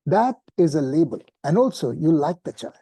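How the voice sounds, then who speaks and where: A man teaching an informal spoken lesson, relaxed and self-deprecating, often restarting his sentences. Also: fairly high pitch, moderate pace, breathy edge. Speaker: meditation teacher.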